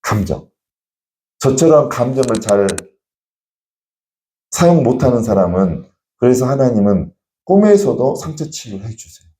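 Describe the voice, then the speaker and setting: Male pastor, sermon; expressive swinging delivery, exhorting the congregation. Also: medium pitch, measured pace, long pauses, echoey room. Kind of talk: sermon at an evening prayer meeting. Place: church.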